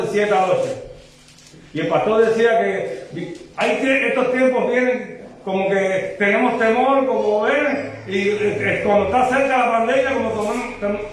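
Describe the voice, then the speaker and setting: A man from Cuba preaches with fervent conviction, his voice pitched high and climbing into shouted exhortation. He sounds far from the mic, and the church rings with heavy echo. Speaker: visiting pastor. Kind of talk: preaching testimony. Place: church sanctuary.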